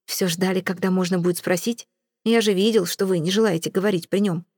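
A jovial, haggling war journalist, as a woman reads him in an audiobook. His talk is breezy and bargaining at a middling pitch, and the recording is dry and close. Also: steady tone, fairly quick, a little mellow, dry recording, close to an everyday voice. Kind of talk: audiobook character reading.

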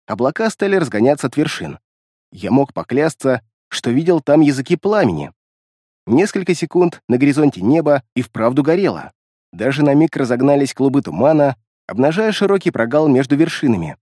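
Casting: male fantasy audiobook narrator, calm expressive storyteller, a bit higher voice, dry studio. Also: no echo.

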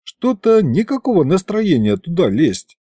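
A man's voice: high-pitched, sing-song, unhurried, mellow, slightly rough, dry recording, pitched above the performer's own voice, exaggerated voice. Man as a wry young hero. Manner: wry, teasing.

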